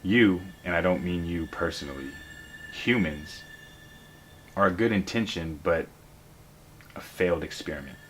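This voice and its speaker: A smooth-talking devil salesman. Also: deep voice, lively intonation, unhurried, long pauses, fairly bright tone, slight background noise. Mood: contemptuous. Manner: persuasive, mocking. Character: smooth-talking male devil posing as a salesman, scornful of humanity. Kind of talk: short film acting. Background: music.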